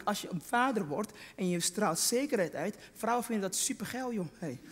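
High-voiced stand-up comedian in a reverberant hall. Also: male voice, expressive, a little fast. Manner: chatty, teasing the audience, many restarts. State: tired voice, strained vocal cords. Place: theatre stage before an audience. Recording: live theatre recording with long hall reverb.

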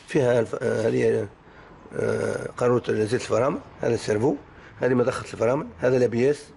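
A man with a Tunisian Arabic accent walks through the parts of an engine bay, a mechanic naming each part in turn. His voice is gravelly and husky, and he talks quickly, pausing to hunt for words. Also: mid-range voice, darkish tone. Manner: listing parts with frequent hesitations. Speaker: car mechanic. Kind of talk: explaining engine parts on camera. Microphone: phone camera held close to the engine.

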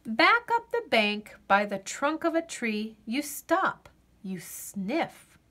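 Gentle and expressive, a woman reads from a children's picture book like a storyteller, leaving deliberate pauses for dramatic effect. Her voice is pitched fairly high.

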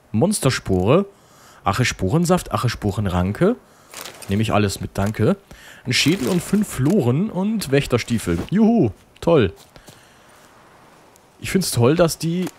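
A man's voice: mid-range voice, darkish tone, a little hiss or hum. A man giving casual, joking gameplay commentary and reading game text aloud. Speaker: let's play host.

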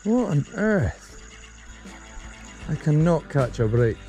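An angler and channel host gives live fishing commentary on a rocky sea shore outdoors at night and into dawn, recorded on a head-mounted action camera. Talking to himself and his friend, he urges the fish on and swears now and then. His voice is fairly high and dark-toned, slow, with big pitch swings and faint music behind.

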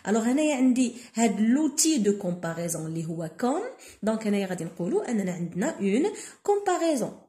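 A woman with a Moroccan accent teaching a lesson, reading lines slowly and then explaining them with many fillers. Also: mid-range voice, big pitch swings, mellow, roomy sound. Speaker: French literature tutor. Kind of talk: code-switching lesson explaining a novel.

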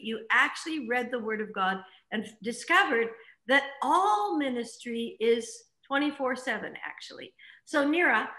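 Bright, enthusiastic woman host on a video call. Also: a little high. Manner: enthusiastic, chatty with many fillers. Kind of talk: online interview chat. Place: living room at home. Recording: echoey room.

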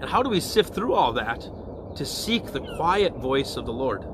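The priest's medium-pitched voice rises and falls in a sing-song way at a moderate pace, with noise behind him. He offers a casual evening prayer reflection, frequently pausing to ask his audience "okay?" or "all right?"

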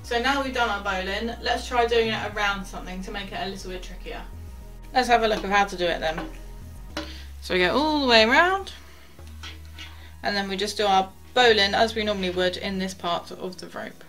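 A young woman who instructs sailing demonstrates knot-tying step by step, chatting and making quiet asides as she works the rope. Her mid-range voice moves a little fast, and the low-quality recording, made close to a camera in a small wooden cabin, carries soft background music.

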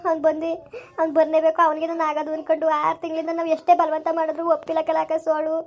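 Woman doing a pleading village mother, very high voice, flat pitch, rapid speech. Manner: pleading, scolding. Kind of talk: village family drama acting.

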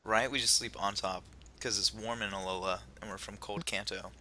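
A man's voice: lowish voice, steady tone, normal speed, sharp tone, slight background noise. A man chatting playfully while playing a video game, laughing often and reading the game text aloud. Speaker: let's play player. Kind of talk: casual gaming chat.

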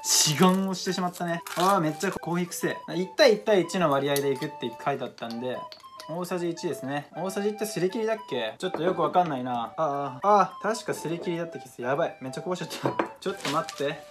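A young man, chatting excitably and casually while cooking at home for his vlog. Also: fairly high pitch, quick pace. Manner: excitable, chatty, exclaims often. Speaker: vlogger. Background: background music.

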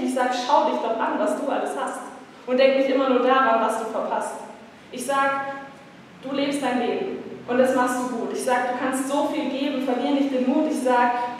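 A woman's voice: high-pitched, a little hiss or hum. A woman, performing as a slam poet at a live event, with a rhythmic spoken-word delivery built on repeated refrains. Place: large hall in a music school. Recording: echoey hall recorded from far off.

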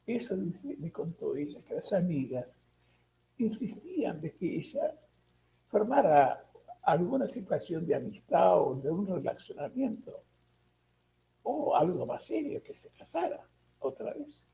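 A man's voice: sits high, sing-song, unhurried, creaky, warm tone, a little hiss or hum, rough recording. A man, teaching a live spiritual class and retelling conversations while addressing his listeners directly.

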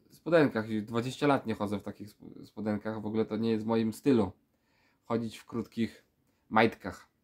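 A man's voice: mid-range voice, darkish tone. A man in his thirties from Poland with a stuffy, pinched-nose nasal voice, sounding under the weather as he chats casually and ramblingly for a vlog. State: sick with a stuffy nose, feeling weak. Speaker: vlogger. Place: small room with full shelves, indoors.

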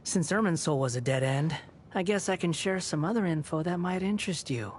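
A man playing an aloof, cynical young former villain in a video game, speaking in a cool, sardonic, deliberate way. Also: on the high side, a little hiss or hum, close to an everyday voice. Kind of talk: video game dialogue acting.

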